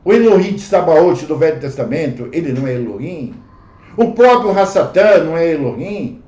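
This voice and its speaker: A Brazilian man teaching a livestreamed Bible study, slow and emphatic, repeating phrases and calling listeners brothers. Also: on the high side, sing-song, dark tone. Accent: Brazilian Portuguese. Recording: echoey room, dull lo-fi sound.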